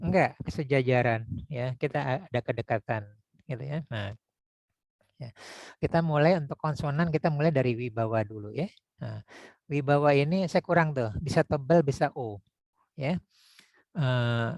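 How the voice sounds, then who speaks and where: A man teaching public speaking in a casual lecture, talking conversationally with frequent tag words and demonstrating deep and high vocal tones. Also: a little mellow, dry recording. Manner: conversational, frequent "ya" and "gitu ya" tags.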